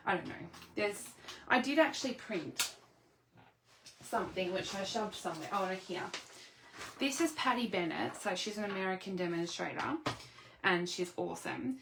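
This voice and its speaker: A woman's voice: medium pitch, creaky, background noise. A woman demonstrating papercraft in a casual tutorial, chatty and rambling, often breaking off mid-thought. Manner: rambling, chatty, self-interrupting. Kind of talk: casual craft tutorial chat.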